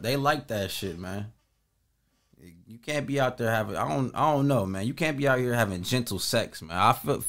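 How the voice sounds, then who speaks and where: A man in his twenties reacting to a comedy clip in casual slang, tagging his sentences with "man". His voice sits a little low, and his pitch swings a lot as he talks. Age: 20s. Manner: laid-back slang, repeats "man". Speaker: reaction video host.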